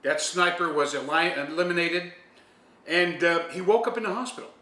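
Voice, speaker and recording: Guy doing an interview, kinda high voice, emphatic storyteller, echoey and away from the mic. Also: moderate pace, pushed and bright. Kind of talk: informal interview with admiring commentary. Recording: echoey room, distant from the mic.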